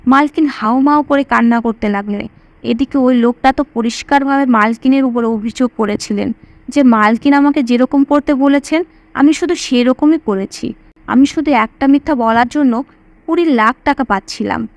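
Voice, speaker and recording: Woman storyteller, high voice, dry close sound, scripted first-person narration, steady delivery. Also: moderate pace, dry recording.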